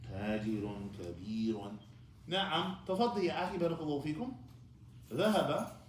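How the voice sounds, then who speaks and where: A man's voice: a little high, lively intonation, normal speed, slight background noise. A man teaching an Arabic class in a mosque, patiently prompting and correcting his students. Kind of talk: classroom lesson, mixing Arabic and English. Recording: echoey room.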